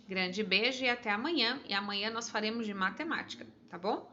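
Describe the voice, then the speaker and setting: A woman's voice: medium pitch, brisk, bright, forceful tone, lo-fi sound. A woman with a Brazilian Portuguese accent, a teacher patiently walking her pupils through a test with encouraging, chatty asides.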